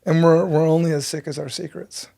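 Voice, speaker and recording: Man, fifties, interview guest, earnest storyteller, even monotone delivery. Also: a little high, brisk, vocal fry. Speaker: guest, breathwork teacher.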